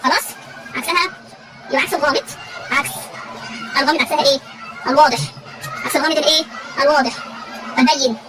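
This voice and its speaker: A woman teacher with an Egyptian Arabic accent runs a classroom vocabulary drill, repeating every question so the students answer back. Her voice is high and her pace is very fast. A loud crowd and steady noise fill the background. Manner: repetitive call-and-response questioning.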